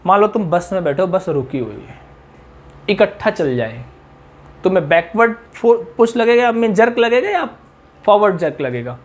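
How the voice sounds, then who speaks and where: A man's voice: high voice, big pitch swings, normal speed. A middle-aged man lecturing a class on physics, chatty and full of questions to his students. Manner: chatty, mixes English terms into explanations, asks the class questions. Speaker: physics teacher.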